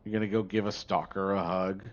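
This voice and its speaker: A man's voice: low-pitched, little pitch movement, brisk, dull audio. A man streaming a survival game, chatting casually and rambling, easily sidetracked while talking to a viewer. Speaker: gaming streamer. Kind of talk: casual livestream chat.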